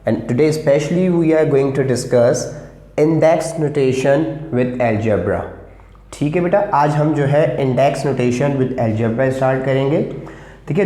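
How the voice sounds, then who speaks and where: A man teaching maths, explaining slowly and repeating himself as he switches between English and Hindi. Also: mid-range voice, dark tone. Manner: slow, repetitive explaining, calls students beta. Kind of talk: classroom lesson mixing English and Hindi. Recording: echoey room.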